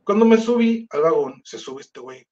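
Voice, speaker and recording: A musician with a Mexican Spanish accent tells his personal story in casual, slangy speech, animatedly acting out the voices of other people. His voice is on the high side and moves at normal speed. The audio is dull.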